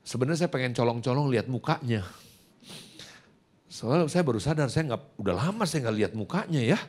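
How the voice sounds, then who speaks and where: Animated male pastor telling a story. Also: mid-range voice, brisk. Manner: acts out dialogues, addresses the congregation directly. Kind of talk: sermon with personal storytelling. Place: church service before a congregation.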